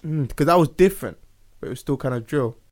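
A man's voice: a little high, expressive, fast talker, a little mellow. A man hosting a casual chat with friends, laid-back and steering the topics. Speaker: podcast host.

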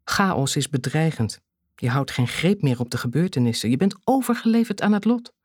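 Husky, expressive audiobook narrator. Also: mid-range voice, no echo, studio quality. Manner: measured, dramatic pauses. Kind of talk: scripted thriller narration.

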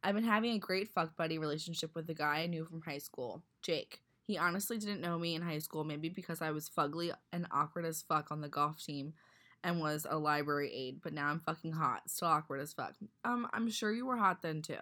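A woman's voice: low-pitched, a little fast, a bit bright. A woman co-hosting a casual podcast and reading listener emails aloud, her voice stuffed up from allergies. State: congested from allergies. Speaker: podcast co-host.

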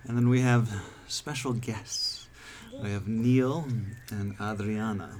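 A man's voice: on the low side, fairly even intonation, takes it slowly. A man hosting a podcast in casual chat on an outdoor deck, hesitant with many fillers and restarts. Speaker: podcast host. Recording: background noise outdoors.

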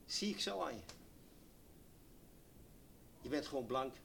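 A man preaching a sermon, swinging from loud exclamations to hushed, near-whispered lines. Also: medium pitch, expressive, takes it slowly, gravelly, a little hiss or hum.

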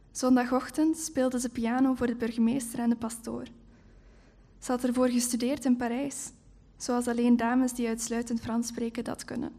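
Woman author, stage reading of her own prose, fairly high, mellow tone. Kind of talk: live literary reading. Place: stage at a live event.

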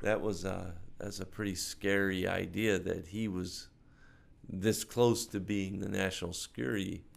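In a relaxed interview about movies and politics, an older filmmaker with an American accent speaks in a low, steady voice with some vocal fry. His pace is a little slow, and he hesitates as he reasons his opinions out loud.

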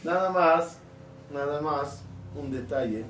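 A man's voice: on the high side, slow, a bit bright. A middle-aged man, a rabbi, teaching a Torah class and quizzing his students with questions as he goes. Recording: echoey room, mic at a distance, faint hiss.

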